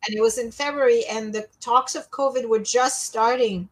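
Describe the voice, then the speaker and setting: A woman's voice: on the high side, fairly even intonation, moderate pace. Tired woman chatting casually. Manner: rambling, with many restarts and fillers. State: tired and yawning. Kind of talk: casual chat.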